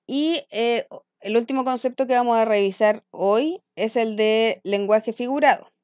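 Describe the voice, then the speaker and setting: A woman's voice: on the high side, a little slow, darkish tone, dry recording. Woman, young adult, school teacher, step-by-step explaining, dry close sound. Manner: explains step by step, checking in with frequent "¿ya?". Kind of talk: recorded online lesson.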